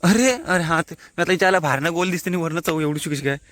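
Pitched on the high side and racing along, this man's voice stays steady in tone with a slight brightness. He's a Konkan vlogger with Konkani-tinged Marathi, walking a hilltop near a water tank and chatting into a handheld phone about local words.

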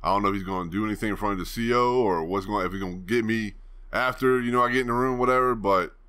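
Man, deep voice, crisp bright tone, laid-back rambling storyteller, casual swearing. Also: fast. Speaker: channel host.

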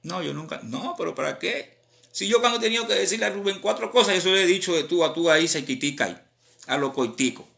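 A man with a Cuban accent, a rapper chatting casually on a live stream in animated, slang-filled talk. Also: sits high, fast talker, creaky. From Cuba.

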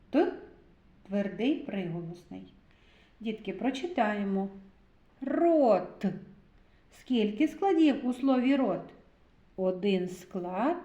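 A woman kindergarten teacher giving a literacy lesson to preschoolers, spelling out sounds carefully and praising the children. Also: fairly high pitch. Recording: echoey, slightly dull recording.

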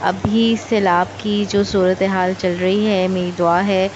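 A woman from Pakistan, narrating her travel vlog in a relaxed, chatty way with frequent hesitation fillers. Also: mid-range voice, slow, muffled recording, noisy background. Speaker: travel vlogger. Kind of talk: casual travel vlog voice-over.

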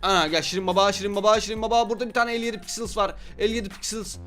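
A young man with a high, bright voice calls his game as he plays it, loud and full of jokes, cursing at his rivals. Faint game music runs under his voice. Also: steady tone, rapid-fire. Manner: loud, joking, swears at opponents. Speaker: gaming YouTuber. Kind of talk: excited gameplay commentary.

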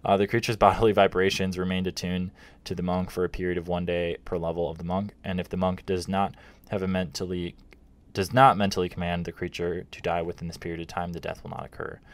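A young man with a deep, low voice walks through tabletop rules in a relaxed tutorial. He reads the rulebook aloud, breaks off into casual asides and leans on plenty of fillers as he goes. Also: quick pace. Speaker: game rules teacher.

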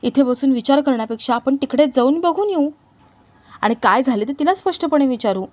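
A woman voicing a sensible, practical young woman who calms her mother, speaking in a level-headed way. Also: high voice, fairly quick. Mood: reasoning.

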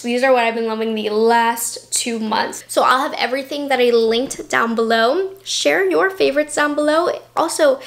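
A woman beauty vlogger chatting casually and upbeat through a quick product review, a little out of breath. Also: on the high side, fairly bright tone.

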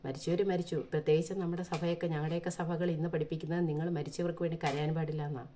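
A woman's voice: low voice, little pitch movement, racing, mellow, a little hiss or hum. A woman from Kerala delivering an impassioned opinion vlog, pleading earnestly and asking rhetorical questions. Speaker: vlogger.

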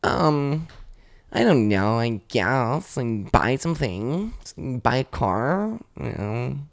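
A woman's voice: rumbling low, big pitch swings, takes it slowly, heavily acted. A woman voicing a whiny, bored young woman who is always complaining, drawling and sarcastic, as a comedy podcast impression.

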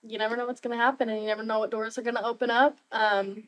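A woman's voice: a little high, little pitch movement, fast, fairly bright tone, rough recording. A young woman talking in an upbeat, chatty way with many fillers in a casual interview, as a new real estate agent. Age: young adult.

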